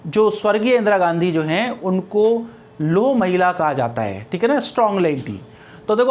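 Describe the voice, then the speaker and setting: A middle-aged man with an Indian accent teaching English grammar, explaining step by step and answering his own questions. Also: sits high. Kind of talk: classroom grammar lecture.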